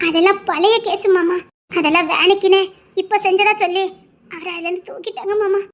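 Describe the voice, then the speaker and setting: A woman's voice: extremely high pitch, fairly even intonation, a little fast, voice pushed up. A woman voicing a young wife who pleads for her husband, in a Tirunelveli Tamil accent, heard from a distance. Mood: pleading. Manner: pleading, tearful insistence.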